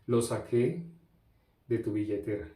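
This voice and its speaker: A man's voice: on the low side, steady tone, measured pace, warm tone, close to an everyday voice. A man, voicing a timid, guilty boy of about twelve in a small pleading voice during a sermon story. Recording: echoey room.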